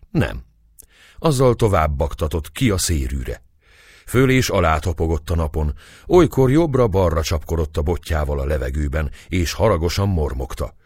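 A man reading a historical novel aloud in expressive storybook narration. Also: extremely low pitch, breathy edge, no echo, studio quality. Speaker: audiobook reader.

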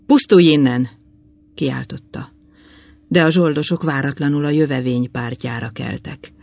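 A man reading an old-fashioned tale aloud in a measured storytelling manner. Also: medium pitch, gravelly. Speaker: narrator.

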